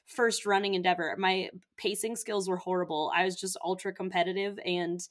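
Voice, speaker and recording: A young woman co-hosts a casual podcast and talks in a chatty, bubbly way, full of animated asides. Her voice sits slightly low. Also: brisk. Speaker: podcast co-host. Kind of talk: casual chat.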